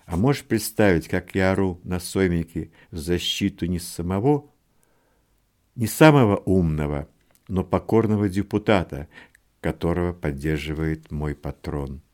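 A man voicing a learned adult scholar, soft-spoken and ironic, in an audiobook. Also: sits low, moderate pace, close to an everyday voice. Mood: wry.

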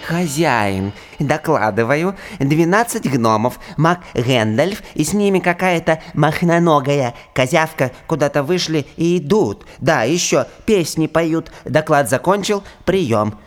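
A man's voice: a little high, animated, measured pace, hardly any pauses. A man playing a servile, hungry giant spider henchman in a comic fantasy radio play, fawning, stammering and plaintive. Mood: dutiful.

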